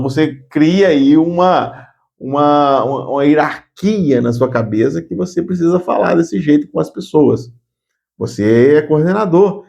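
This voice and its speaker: A man's voice: a little high, vocal fry, a little mellow. A man giving an earnest spoken lesson on workplace communication, often repeating words as he thinks. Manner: acts out curt bossy phrases as examples.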